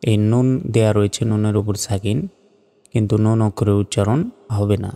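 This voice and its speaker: A man teaches Quran reading, spelling each letter carefully before chanting the verse slowly. His voice is low, mellow and smooth. It echoes with a long reverb over faint music. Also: level tone. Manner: slow, careful letter-by-letter spelling with drawn-out recitation.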